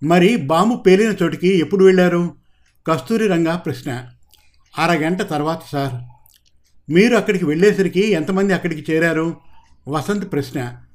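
A man's voice: fairly high pitch, normal speed, long pauses. A man reading a police crime novel aloud, giving each character's lines small shifts in delivery. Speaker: narrator. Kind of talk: audiobook narration of a crime novel.

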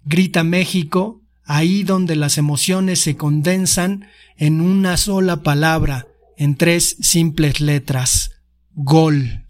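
A young Mexican man hosting a podcast, reading a manifesto aloud in a steady, declamatory way. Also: a little high, slow. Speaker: podcast host.

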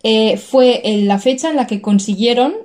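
Young woman, chatty co-host, rambling storyteller, slightly high voice. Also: normal speed, darkish tone. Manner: chatty, laughs often, rambling storyteller with self-corrections. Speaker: podcast co-host telling a story. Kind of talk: casual chat.

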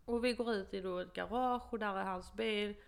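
Gravelly young Swedish woman telling a story. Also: mid-range voice. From Sweden. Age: 20s. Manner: animated storytelling, acting out quotes, laughs often. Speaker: podcast co-host telling an au pair story. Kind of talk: casual chat.

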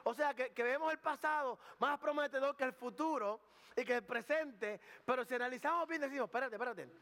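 A man's voice: very high-pitched, brisk, a bit bright. A male pastor giving a sermon in a conversational style, joking, making asides, dropping in English words and often repeating himself. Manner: conversational preaching with jokes and asides. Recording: long hall reverb.

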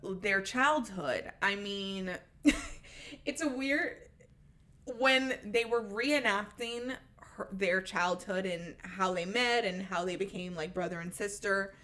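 A woman's voice: medium pitch, takes it slowly, sharp tone. A young woman co-hosting a podcast, chatting casually with lots of fillers and frequent laughter. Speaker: podcast co-host. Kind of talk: casual chat.

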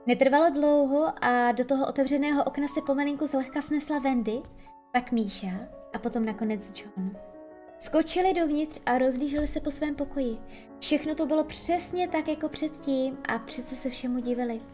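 A woman narrating a children's audiobook in a gentle storytelling manner. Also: high-pitched, soft background music.

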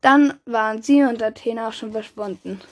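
A woman's voice: on the high side, moderate pace. A woman reading a children's book aloud, giving the characters' quoted lines their own voices. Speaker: reader.

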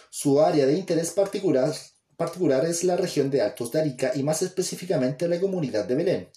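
A man's voice: medium pitch, dark tone. A man reading an academic book aloud in an amateur way, plainly and unhurriedly, correcting himself mid-phrase. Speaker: reader. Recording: roomy echo.

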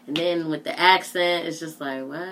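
A young woman co-hosting a casual chat, animated and laughing often. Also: low voice, moderate pace, crowd noise. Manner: animated, laughs often, sings snatches of songs.

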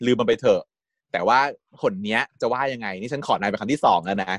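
A man voicing a calm, self-assured young man who speaks in an even, reassuring way while retelling a story. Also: lowish voice, fast, no echo, studio quality, natural voice. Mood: earnest.

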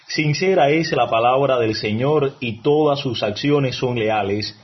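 A man's voice: medium pitch, unhurried, muffled recording. Man formally reciting a psalm. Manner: formal, reverent. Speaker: psalmist at Mass.

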